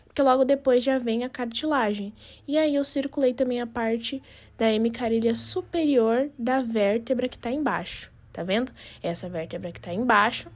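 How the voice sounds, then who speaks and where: High-voiced Brazilian woman teaching, mixing in Spanish terms. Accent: Brazilian Portuguese. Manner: mixes Spanish terms into Portuguese speech; didactic, repeats and recaps step by step. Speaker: anatomy teacher. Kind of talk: informal narrated anatomy lesson.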